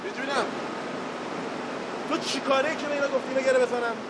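Hot-tempered young worker. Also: male voice, very high voice, steady tone, roomy sound, heavy background noise. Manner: angry, shouting, bitter. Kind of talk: TV drama acting.

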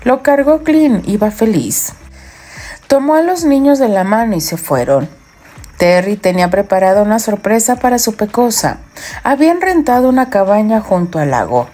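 A woman narrating a romance audiobook in a gentle storytelling manner. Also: mid-range voice, sing-song, normal speed, faint music behind.

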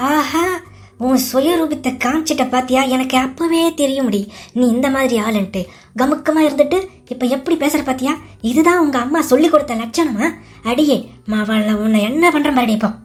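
ஒரு பெண் கார்ட்டூனில் கடுமையாகத் திட்டும் வயதான மாமியாராகக் குரல் கொடுக்கிறார், இசை மெதுவாகப் பின்னணியில் ஒலிக்கிறது. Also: female voice, natural voice. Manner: shrill, insulting, scolding. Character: harsh scolding older mother-in-law. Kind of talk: cartoon voice acting.

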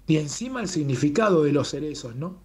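A man's voice: fairly high pitch, animated, fairly quick, crowd noise. A man with a Rioplatense Spanish accent, guest in a radio interview, talking with enthusiasm and often adding a questioning "¿no?". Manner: warm, enthusiastic, fond of rhetorical "¿no?". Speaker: guest, communications manager of a Japanese garden.

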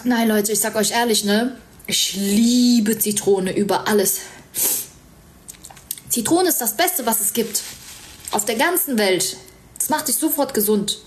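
A woman's voice: fairly high pitch, a little slow, pauses often, slight background noise. A young woman chatting casually on a livestream with a stuffy nose, thanking viewers and giving them advice. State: stuffy nose, sore throat.

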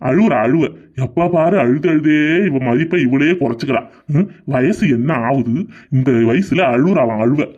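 A man's voice: medium pitch, normal speed, a little mellow, natural voice. A man voicing a grumpy middle-aged husband in a cartoon, who grumbles and scolds. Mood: scolding. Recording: dull lo-fi sound.

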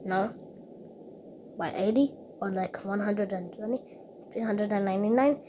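A woman chatting casually over a game, rambling and repeating herself with halting restarts. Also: mid-range voice, background noise.

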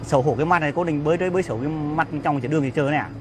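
A man's voice: a little high, rapid-fire. A man playing a husband, defensively urging his wife to go home and talk there. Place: outdoors by a street at night. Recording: faint outdoor noise with crickets.

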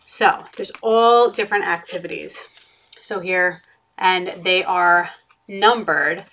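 A woman's voice: lowish voice, takes it slowly, fairly bright tone. Young woman, friendly show-and-tell host, webcam at home. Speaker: book consultant. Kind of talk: product review. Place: home playroom with bookshelves.

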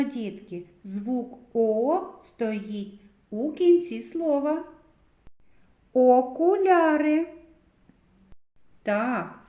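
A woman kindergarten teacher giving a literacy lesson to preschoolers, spelling out sounds carefully and praising the children. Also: on the high side. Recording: echoey, slightly dull recording.

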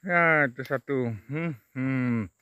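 A man vlogging outdoors in an oil palm plantation, chatting casually as he walks. He hums a lot and repeats words in a slow, drawn-out way. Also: medium pitch, bright, forceful tone, clear, resonant tone, no room sound, highs cut off.

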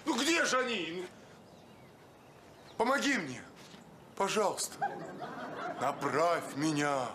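An actor playing an excitable, gullible family man in a sitcom, with a whiny, incredulous delivery. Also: on the high side, slow, pauses often. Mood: eager. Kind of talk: sitcom acting. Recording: noisy TV soundtrack.

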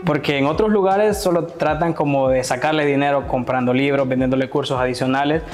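With soft music behind him in a small indoor classroom, a Salvadoran man in his twenties talks enthusiastically about his language school during a relaxed interview. His mid-range voice stays steady and brisk, though his speech is full of fillers.

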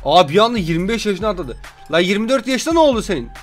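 A young man commentating a game he is playing, excitable, joking and yelling at what happens on screen. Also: sits high, rapid-fire, faint music behind. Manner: excitable, yells and jokes at the game. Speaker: gameplay commentator. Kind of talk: gameplay commentary.

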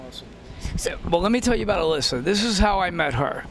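A man's voice: high voice, lively intonation, quick pace, a bit bright. A middle-aged man hosting at an indoor event, telling an upbeat story into a handheld mic. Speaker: talent agency host. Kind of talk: casual red-carpet introduction. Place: indoor event in front of a banner.

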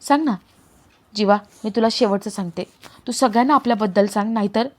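A woman's voice: mid-range voice, fairly quick, a little mellow, lightly acted. A woman reading defiant heartbroken young woman, Kavya. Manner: emotional, insistent. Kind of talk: dramatic read-aloud of serial dialogue.

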